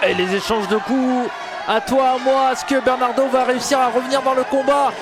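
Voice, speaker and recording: A man doing excited live play-by-play as a wrestling commentator, shouting out moves and stretching words. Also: extremely high pitch, fairly quick, noisy background. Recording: loud music and roaring crowd behind. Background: loud music, cheering crowd at wrestling show.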